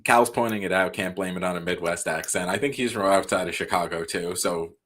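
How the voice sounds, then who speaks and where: A man's voice: deep voice, fairly quick, a bit bright. A man in his thirties with a Long Island accent, a podcast host asking teasing questions in a laid-back way. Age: 30s. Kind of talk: casual podcast chat.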